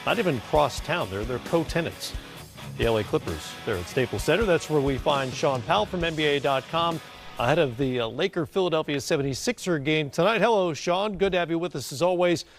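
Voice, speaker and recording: A man anchoring a sports news segment in a measured, newsy way, asking long questions. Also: a little high, expressive, soft background music. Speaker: studio anchor.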